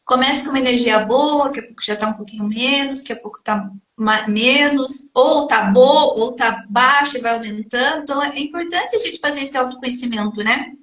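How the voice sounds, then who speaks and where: A woman's voice: high voice, fairly quick, fairly bright tone. A woman hosting a casual live conversation, talking directly to her viewers. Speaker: host of a live stream. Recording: roomy echoey sound.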